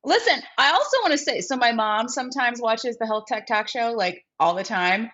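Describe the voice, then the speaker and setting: A woman co-hosting a casual show, excitable and gushing, talking through a cold. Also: on the high side, normal speed. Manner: excitable, gushing, says "freaking" a lot. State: has a cold. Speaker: co-host. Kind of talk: casual podcast chat. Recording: dull lo-fi sound.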